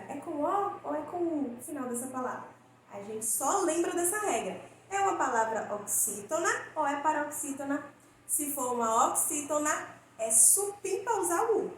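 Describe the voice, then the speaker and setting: A woman with a high, bright voice teaches a recorded school lesson. She walks through each rule step by step and keeps turning back to her students to check that they follow. Her voice rings through a very echoey room over a faint hiss of noise. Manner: explains step by step, often checks in with the class.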